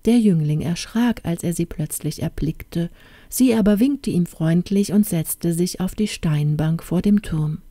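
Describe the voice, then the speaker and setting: A woman narrating a fairy tale in a calm, measured way, slow and unhurried. Her voice is dark and mellow, a little low, and sits close and dry with no room sound. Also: no echo. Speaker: audiobook narrator.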